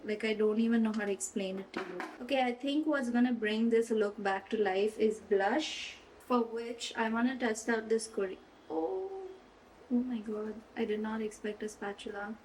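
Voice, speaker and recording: A woman's voice: mid-range voice, a little mellow, recorded from a distance, rough recording. A young woman vlogging as she does her makeup, chatting casually and giggling, slipping into a playful fake British accent, with rain and traffic outside. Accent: playful fake British accent mixed into her own. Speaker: beauty vlogger. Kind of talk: casual get-ready-with-me makeup chat.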